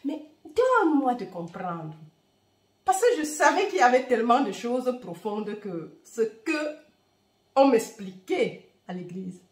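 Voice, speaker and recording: A woman's voice: a little high, very animated, a little slow, reverberant. A woman with a Bamileke accent speaking to her viewers in a heartfelt spiritual talk, fervent, with hesitant fillers. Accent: Bamileke-accented French. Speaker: spiritual reader and channel host.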